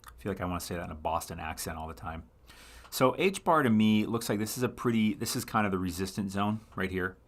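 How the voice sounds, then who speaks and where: A man's voice: sits low, fast. A man hosting a casual live stream, thinking aloud as he analyses charts, answering viewers and often correcting himself mid-sentence. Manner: thinks aloud, rambling with frequent self-corrections; reads viewer comments and answers them. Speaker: livestream host.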